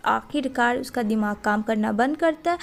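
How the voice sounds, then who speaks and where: High-pitched lady chatting through a drama plot, lively storyteller vibe. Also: normal speed, creaky. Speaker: drama recap narrator.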